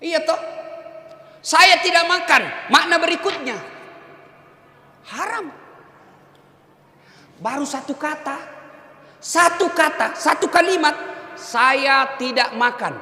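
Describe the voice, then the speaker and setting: A man giving a humorous, teasing sermon to a crowd, emphatic and rousing, with shouted calls to the audience. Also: extremely high pitch, animated, slow pace, long pauses. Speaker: preacher. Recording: echoey hall.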